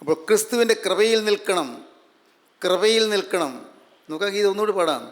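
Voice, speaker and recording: A man's voice: high voice, fairly quick. A man preaching a sermon, repeating phrases and asking rhetorical questions. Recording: long hall reverb.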